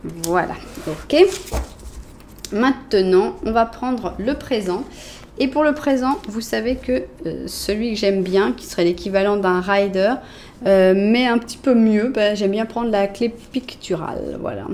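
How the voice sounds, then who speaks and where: A woman's voice: mid-range voice, measured pace, darkish tone, slight background noise. A woman with a French accent giving a casual, playful tarot reading, chatting to her viewers and thinking aloud as she lays out the cards. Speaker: tarot reader.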